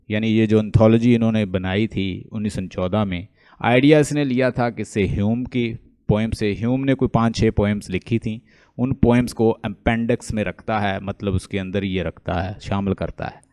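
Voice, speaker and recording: Mellow-voiced man lecturing. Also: lowish voice, normal speed, no echo, studio quality. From Pakistan. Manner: lively and repetitive, asks questions to the class then answers them; mixes English terms into Hindustani speech. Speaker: English literature lecturer. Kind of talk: online lecture.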